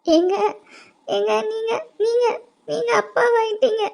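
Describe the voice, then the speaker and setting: A performer voicing an emotional, tearful young wife in a cartoon, with a southern Tamil Nadu accent, speaking in breathy, halting repeats. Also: very high voice, level tone, mellow. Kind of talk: cartoon voice acting.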